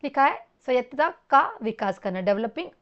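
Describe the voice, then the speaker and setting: A woman's voice: fairly high pitch, lively intonation, fairly quick, highs cut off. A woman teacher giving an exam-prep lecture, explaining with simple examples and often checking in with her students.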